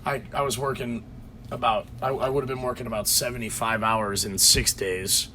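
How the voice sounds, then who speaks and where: The recording is rough, with slight background noise, as a man with a mid-range, sharp voice talks at a moderate pace with fairly even intonation. He's a podcast co-host in his home basement, chatting casually through a rambling story full of fillers and restarts.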